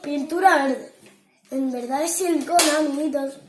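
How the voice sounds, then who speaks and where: A very high-pitched child with a Castilian Spanish accent presents a simple craft tutorial. The delivery is sing-song, with small stumbles and repeated words. The room sounds echoey. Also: normal speed, heavy background noise. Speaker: child host of a crafts channel.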